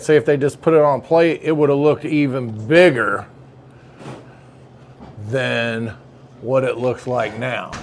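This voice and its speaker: A man's voice: fairly high pitch, slight background noise. A man, chatting casually as he reviews food in a deli, folksy and savoring each bite. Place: indoor deli dining room.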